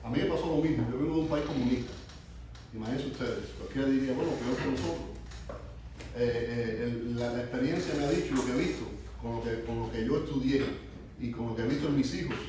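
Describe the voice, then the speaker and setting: A youth pastor from Cuba teaches a sermon to young people, often pausing to quiz the group and starting phrases over. His mellow, middle-pitched voice is picked up from some distance in a very echoey room, with a faint hiss underneath.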